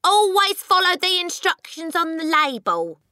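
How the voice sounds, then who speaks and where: A woman's voice: very high-pitched, sing-song, unhurried, sharp tone, dry recording, clean studio sound, pitched above the performer's own voice, exaggerated voice. A woman voicing a scolding, scornful middle-aged English wife who is bossy and nagging, in an audiobook. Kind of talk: dramatised audiobook character.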